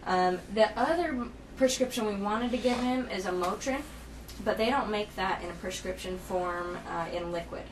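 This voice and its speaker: A woman explains clinic aftercare in plain, conversational words, step by step. She often checks that she is understood. She is some way from the microphone, in a clearly noisy room. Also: mid-range voice, normal speed, distant mic. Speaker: dental surgery assistant giving aftercare instructions. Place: indoor clinic treatment room. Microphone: camera held by another person, at a distance.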